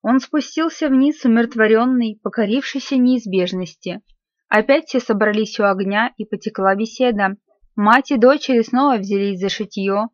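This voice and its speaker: A woman's voice: on the high side, dry recording. Woman narrating a classic story. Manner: measured, expressive reading. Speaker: audiobook narrator. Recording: slightly muffled dry recording.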